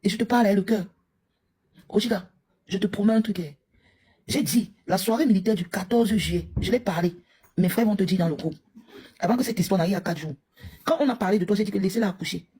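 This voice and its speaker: A woman's voice: medium pitch, quick pace, long pauses, warm tone, husky. A woman from Cameroon, a mother and live streamer, scolding a rival in a heated, confrontational rant. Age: young adult to middle-aged, a mother.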